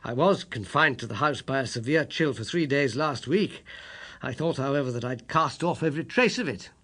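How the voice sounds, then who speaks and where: A man voicing a genial, modest young British doctor in an audiobook, husky and amiable, a little hesitant and puzzled. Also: mid-range voice, expressive, normal speed, a bit bright.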